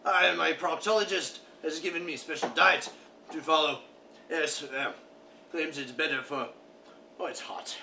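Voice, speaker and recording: A man's voice: fairly high pitch, steady tone, unhurried, bright, forceful tone, exaggerated voice. A man playing a pompous, overheated aristocrat in a period comedy sketch, with florid, hesitant speech. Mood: flustered, apologetic. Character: pompous, overheated, meat-eating English aristocrat card player. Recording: distant, noisy amateur recording.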